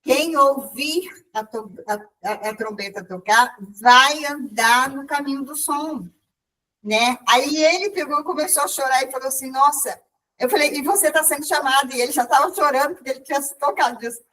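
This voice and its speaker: A woman with a high voice recounts a spiritual experience in a relaxed, conversational way. She keeps restarting her sentences and acts out other people's words as she goes. She sounds set back from the microphone. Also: moderate pace, recorded from a distance, low-quality recording. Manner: storytelling with many restarts and quoted dialogue. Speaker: participant in a spiritual group meeting. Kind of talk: casual spiritual testimony.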